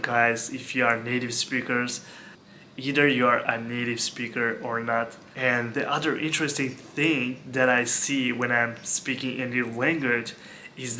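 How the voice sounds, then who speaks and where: A young vlogger from Istanbul, Turkey, whose first language is Turkish, talks casually to the camera in an earnest, flat, bright voice at medium pitch. He repeats words and fills gaps with "like" and "um," and there's a little hiss or hum in the recording.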